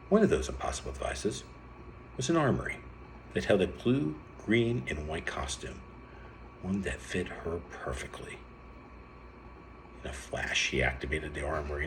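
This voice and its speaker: A man with a very low voice reads an adventure story aloud. He keeps it lively, jumping up in pitch for emphasis and now and then tripping over a word. A faint hiss sits under the voice. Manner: lively read-aloud with bursts of raised pitch and some stumbles.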